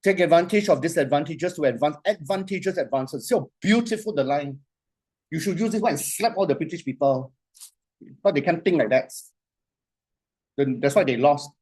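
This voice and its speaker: A man lecturing a class on coaching in an animated, repetitive way. He keeps checking in with the students and slows right down when he dictates a phrase. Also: on the high side, breathy edge. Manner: animated, repetitive, asks "you see?" often.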